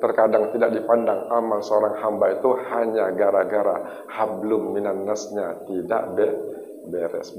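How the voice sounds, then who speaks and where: A male preacher giving a folksy Ramadan sermon, asking his congregation questions, over a microphone in a large mosque hall. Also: mid-range voice. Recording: dull echoey mosque hall sound.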